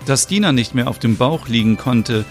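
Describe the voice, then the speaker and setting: A man reading scripted narration for an audio soap opera in a calm, even storytelling manner. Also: mid-range voice, moderate pace, soft background music. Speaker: narrator and sole voice actor.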